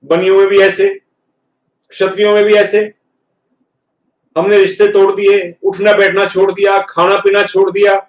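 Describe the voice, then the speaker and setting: A man, a professor, giving an earnest motivational talk in a lecture hall and slowing down to stress key words. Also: high-pitched, completely flat delivery. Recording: echoey hall, speaker far from mic.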